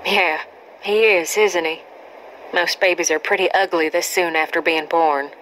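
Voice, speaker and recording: A woman playing a calm, kindly adult survivor in a video game, speaking gently and conversationally. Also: on the low side, measured pace, a little hiss or hum, rough recording. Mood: gentle, reassuring. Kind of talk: naturalistic video game acting. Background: background music.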